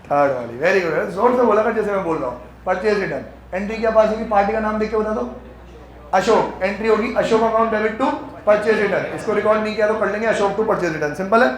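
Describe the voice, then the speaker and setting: A man teaching an accounts class, joking with his students and reading the questions out slowly. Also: high-pitched. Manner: teasing, banters with students, reads questions slowly. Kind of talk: classroom lecture. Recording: echoey classroom.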